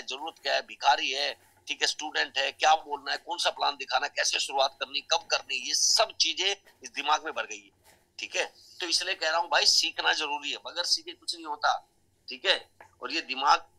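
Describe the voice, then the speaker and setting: A man's voice: fairly high pitch, vocal fry, pushed and bright, low-quality recording. A middle-aged man, a network marketing trainer, telling a motivational story in a chatty way and often checking in with his listeners.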